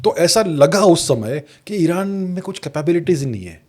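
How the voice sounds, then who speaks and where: Indian man, podcast guest analyst, mellow and warm, measured delivery, Hindi-English mix. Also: on the high side, expressive. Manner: measured, mixes Hindi with English phrases, restarts words. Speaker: guest geopolitics commentator.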